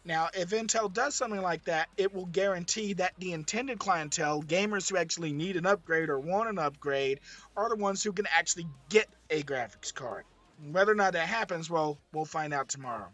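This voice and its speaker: Hoarse, high-voiced man giving tech commentary. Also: a little fast, fairly bright tone. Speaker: streamer, presenter. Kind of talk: slide-based tech commentary.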